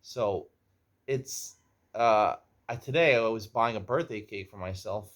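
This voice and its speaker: A man in his forties in Israel hosts a casual show, chatting, teasing, and telling stories and jokes with a guest. His lowish voice is slightly slow and a bit bright.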